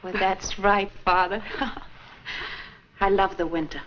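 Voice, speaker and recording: A woman playing a prim brisk nun. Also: medium pitch, fairly even intonation, close to an everyday voice. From Sweden, raised in Minnesota. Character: proper, dutiful female nun running a school. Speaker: nun, school head. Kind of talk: 1940s film acting. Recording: dull, slightly hissy 1940s film soundtrack.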